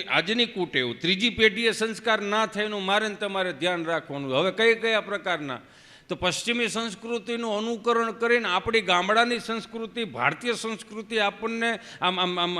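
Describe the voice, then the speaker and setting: A man's voice: high-pitched, pushed and bright. A man doing live stand-up folk comedy, a chatty storyteller who slips into moral asides. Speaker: stage comedian. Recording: long hall reverb, faint music.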